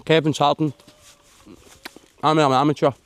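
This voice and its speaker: A man's voice: fairly high pitch, level tone, normal speed, clear, resonant tone. A Scottish man chatting casually to viewers while fishing outdoors in a forest by a loch, laughing often. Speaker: vlogger.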